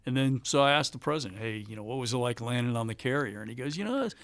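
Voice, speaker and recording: A man's voice: medium pitch, quick pace, a bit bright, dry recording. A middle-aged man, a former presidential pilot, telling stories in a conversational interview. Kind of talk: anecdotal interview storytelling.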